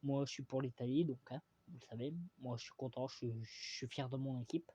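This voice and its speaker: A man's voice: mid-range voice, fairly even intonation, brisk, warm tone, husky, dull audio. A young man from France rambling through a casual football vlog, hesitant and full of fillers and restarts, teasing and opinionated. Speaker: vlogger.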